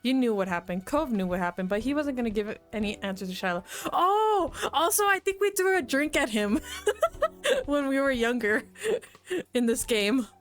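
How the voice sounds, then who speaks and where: A woman's voice: a little high, expressive, normal speed. A woman streamer reading a visual novel aloud with commentary, giggling often between lines.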